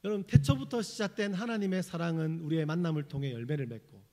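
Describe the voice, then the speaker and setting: A male pastor with a notably high voice tells his testimony from the pulpit, leaning into the drama and landing jokes along the way. The sound carries a long church hall reverb that trails after each phrase. His delivery is lively and theatrical, a preacher used to holding a room. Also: fast talker. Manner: animated, dramatic storytelling with humor. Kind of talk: sermon with personal testimony. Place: church sanctuary.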